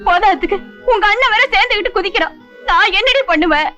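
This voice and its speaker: A woman's voice: very high-pitched, lively intonation, fast talker, pushed and bright, exaggerated voice. An actress playing a village mother who scolds her daughter and apologises to guests, in a 1980s film. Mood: scolding. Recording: dull film soundtrack with music.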